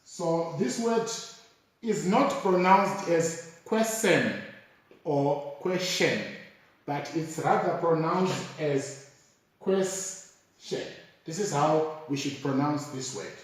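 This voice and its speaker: A man teaching pronunciation, slowly and deliberately repeating each word as an example. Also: a little high. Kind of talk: explanatory lesson. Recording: very echoey room, mic far off.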